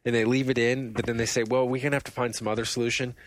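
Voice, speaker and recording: A man co-hosting a casual gaming podcast, telling stories in a rambling, animated way. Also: mid-range voice, very fast. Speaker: podcast co-host.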